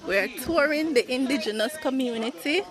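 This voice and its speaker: A woman's voice: high-pitched, moderate pace, music in the background. A Jamaican woman vlogging a trip, enthusiastic and chatty, calling her viewers guys. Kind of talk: casual travel vlog talk to viewers. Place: outdoors in a busy village setting. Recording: crowd chatter behind, outdoors.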